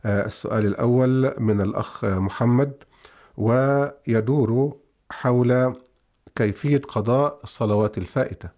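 A man's voice: medium pitch, moderate pace, a little mellow. A man presenting a radio programme as its host in formal Standard Arabic.

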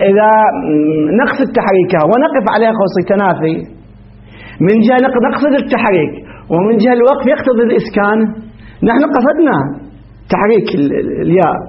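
A man teaching a classical grammar lesson, explaining step by step and quizzing his students with questions. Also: high voice. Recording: dull lo-fi recording.

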